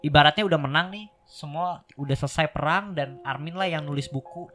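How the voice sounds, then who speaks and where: Man, excitable podcast host, slightly high voice, music bed. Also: brisk. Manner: loud laughing, swearing, excitable. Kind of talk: casual chat.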